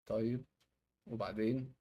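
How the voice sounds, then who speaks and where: A man's voice: on the low side, fairly even intonation, a little slow, dull audio. A man from Egypt with an Egyptian accent, reacting to home-hack videos in casual commentary and often exclaiming at the tricks. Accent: Egyptian Arabic.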